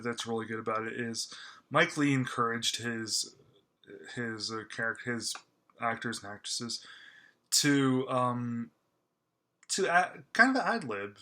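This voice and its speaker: A man's voice: mid-range voice, pushed and bright. A man giving a casual spoken film review, gushing and stammering with lots of fillers and restarts. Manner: stammering, halting with many fillers; gushing and enthusiastic. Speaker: movie reviewer.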